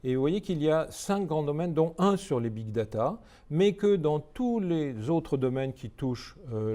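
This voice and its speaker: A man's voice: mid-range voice, dark tone. A middle-aged man from France giving a training lecture, hesitant with many fillers and restarts.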